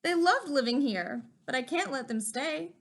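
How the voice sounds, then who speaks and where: A woman's voice: high voice, expressive, normal speed. A woman voicing the Lorax, a small creature who guards the trees, speaking in an indignant, preachy tone. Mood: scolding.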